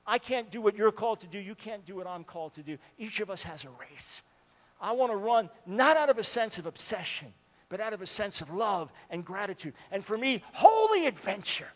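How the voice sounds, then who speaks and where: A preacher in his sixties delivers a sermon in a voice pitched high for a man, moving between loud, ringing appeals and hushed pleading. His pitch swings widely and he talks a little fast, while the sound echoes through a large church hall.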